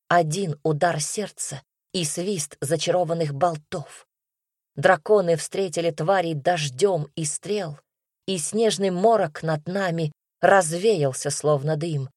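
A woman reading a first-person fantasy audiobook in a steady, expressive way. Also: sits low, measured pace, dry recording, clean studio sound. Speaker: audiobook narrator.

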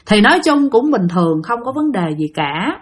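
A woman's voice: fairly high pitch, very animated, moderate pace, slightly rough. A woman telling a ghost story in a chatty way, talking straight to her listeners. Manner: chatty, addresses listeners directly.

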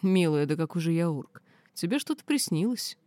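A woman's voice: fairly low pitch, big pitch swings, normal speed, dark tone, dry recording. A woman reading a teasing young red-haired man.

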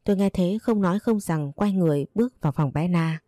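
A woman narrating a sad first-person story in a steady, sorrowful way. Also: fairly low pitch, brisk, dry recording, studio quality.

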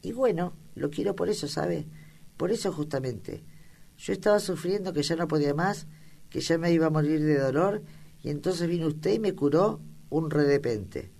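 A woman's voice: sits low, expressive, moderate pace, gravelly, dark tone, exaggerated voice. A woman reading an audiobook, voicing an earnest, affectionate young country girl with rustic speech.

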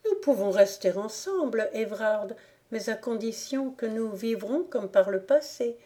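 A woman reading the lines of a grave, dignified young woman, earnest and measured. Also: a little high, animated, warm tone. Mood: pleading. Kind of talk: audiobook character reading.

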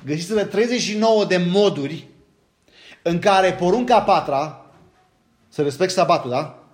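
A middle-aged man with a Romanian accent preaching a sermon, his voice sitting a little high. He talks in a lively way and keeps asking his listeners questions. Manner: lively, asks the congregation questions, frequent "da?". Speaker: pastor.

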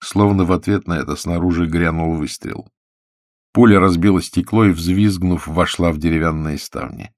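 A man narrating an audiobook in a steady, even storytelling manner. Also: low voice, moderate pace, dry recording, clean studio sound. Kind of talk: scripted narration.

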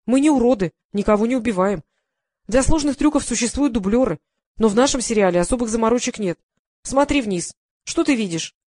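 A woman voicing a brisk, matter-of-fact crew woman explaining a film trick. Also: a little high, animated, a little mellow, no echo, clean studio sound. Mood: brisk, businesslike.

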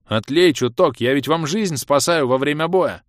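A man's voice: on the high side, moderate pace, dry recording, clean studio sound, pitched above the performer's own voice, natural voice. Man voicing a wheezy begging mage. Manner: wheezy, pleading. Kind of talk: audiobook character voice.

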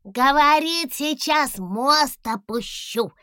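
A woman's voice: medium pitch, expressive, slow pace, pushed and bright, dry recording, clean studio sound. A woman voicing a cheerful, eager little dragon boy. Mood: shouting.

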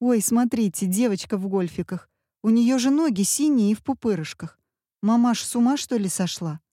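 Gossipy school-yard mom, as a woman reader puts her on, lifted pitch, mellow tone. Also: lively intonation, normal speed, no echo, clean studio sound. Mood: indignant. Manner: gossipy, indignant. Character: chatty fussing mother at school yard.

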